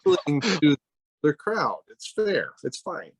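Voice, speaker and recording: A man's voice: fairly high pitch, huge pitch swings, a little slow, husky, no room sound. A man joining a podcast over an internet call on Wi-Fi, chatting casually in a laid-back way. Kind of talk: casual chat.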